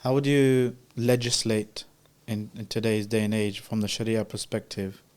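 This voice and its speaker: A man's voice: fairly low pitch, level tone, moderate pace, a little mellow. A man hosting a podcast, asking curious questions in a casual, hesitant way with many fillers. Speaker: podcast host.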